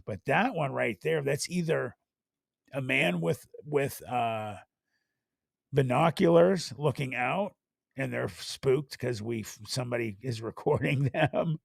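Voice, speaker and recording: A man hosting a live stream, chatting casually and rambling with restarts, his voice hoarse and worn from overuse. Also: medium pitch, slow, no echo, clean studio sound. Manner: rambling, thinks aloud with restarts.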